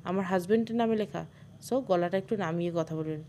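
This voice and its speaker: A woman's voice: lowish voice, fast talker, mellow, slight background noise, lightly acted. A woman voicing a brazen young wife in a storybook who mocks her mother-in-law. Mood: smug. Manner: smug, mocking.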